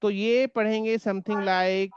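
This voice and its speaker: A man's voice: sits high, little pitch movement, slow pace, clear, resonant tone, highs cut off. A man teaching a German class online in Hindi, patiently repeating words so his students can echo them.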